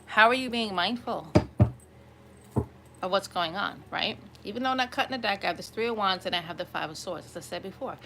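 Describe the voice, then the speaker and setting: A woman hosts an online collective tarot reading, improvising as she speaks to viewers in a mid-range, slightly raspy voice that's brisk, bright and forceful. She's chatty and conversational, often checking in with "right?", and the background noise is noticeable.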